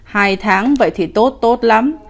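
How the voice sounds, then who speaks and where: A woman's voice: on the high side, unhurried, creaky. A woman voicing a lecherous, cruel old male village official in a spoken ghost story, bullying and commanding. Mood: falsely sweet. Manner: bullying and commanding, falsely sweet when coaxing.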